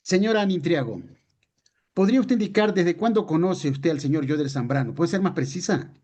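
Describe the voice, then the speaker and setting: A man's voice: fairly high pitch, expressive, normal speed, darkish tone. A man playing a lawyer in a mock trial, asking a witness formal questions with hesitant filler sounds. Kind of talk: courtroom role-play, formal questioning.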